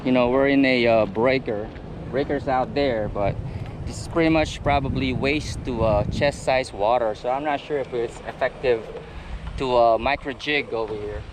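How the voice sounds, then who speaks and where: A man narrating a casual vlog, halting and often pausing mid-sentence. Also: medium pitch. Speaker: kayak fishing vlogger. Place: outdoors at a beach by the water. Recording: outdoor water and wind noise.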